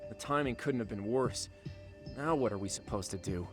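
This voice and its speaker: An actor playing a blunt, eager sidekick detective in a game dub. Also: male voice, mid-range voice, moderate pace, music in the background, natural voice.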